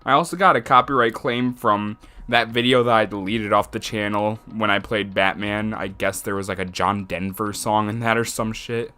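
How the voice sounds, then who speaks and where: Low-voiced man with a sick voice, chatting. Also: fairly even intonation, moderate pace, few pauses, pushed and bright, clear, resonant tone. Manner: rambling, chatty, laughs often. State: getting over a sickness. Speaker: let's play streamer. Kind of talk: casual game commentary. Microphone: desk mic, close.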